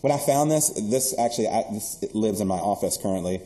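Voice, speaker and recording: Warm-voiced man giving a keynote. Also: fairly low pitch, a little fast. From US South. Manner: animated and earnest, with joking asides and emotional moments. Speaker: keynote speaker, archivist. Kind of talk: keynote lecture to students.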